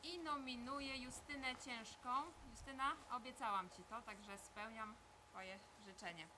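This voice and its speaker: A woman's voice: a little high, steady tone, unhurried. A middle-aged woman speaking casually to the camera out in a garden. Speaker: challenge participant addressing the camera. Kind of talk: casual spoken address to camera. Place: outdoor garden, lawn. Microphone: camera several metres away. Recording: noisy outdoor recording.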